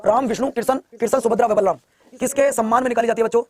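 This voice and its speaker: Fast high-voiced male quiz teacher. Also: fairly even intonation, darkish tone. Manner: rapid, repeats questions, coaxes students to answer. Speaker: online exam coaching teacher. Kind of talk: live class quizzing students.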